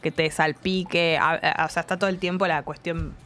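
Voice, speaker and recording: A woman with a Buenos Aires accent co-hosting a podcast, chatting casually and reading news headlines with quick asides and fillers. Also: fairly low pitch, flat delivery, a bit bright, faint music behind. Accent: Buenos Aires porteño Spanish. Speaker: podcast co-host.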